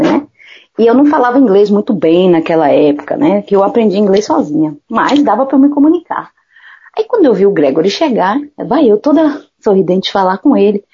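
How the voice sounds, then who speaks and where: A woman's voice: medium pitch, creaky, breathy edge. A woman from Salvador, Brazil, a singer telling a story in casual chat, acting out the voices of the people in it and swearing freely. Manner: animated, acts out quoted dialogue, swears casually. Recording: dull lo-fi recording.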